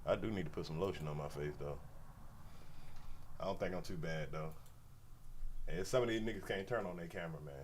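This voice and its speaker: Low-voiced and brisk, this forties-aged commentary host leaves long pauses while rambling to his livestream audience in slangy, loose talk. His nose is stuffy, and there's slight background noise.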